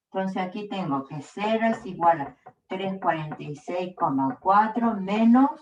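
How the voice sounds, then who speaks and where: A woman's voice: medium pitch, animated, darkish tone. A woman teacher working through a physics problem step by step, often checking in with her students. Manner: slow, checks in with frequent "¿ya?". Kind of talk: explaining a worked problem. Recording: echoey room, distant dull mic.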